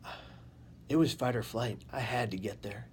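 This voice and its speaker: A man telling his own story as an interview guest, in deliberate, dramatic short phrases that he repeats for emphasis. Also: medium pitch. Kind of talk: personal testimony in an interview. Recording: faint background noise.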